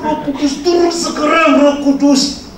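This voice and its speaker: A man playing an eager young male pastor who shouts drawn-out, high calls upward, recorded far off in an echoey hall. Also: level tone, background noise. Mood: impatient.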